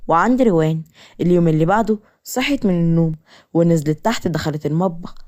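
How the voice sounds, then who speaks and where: A woman with an Egyptian accent narrates a romantic story in a brisk, even manner. Her voice sits low. She moves through the story at a rapid clip.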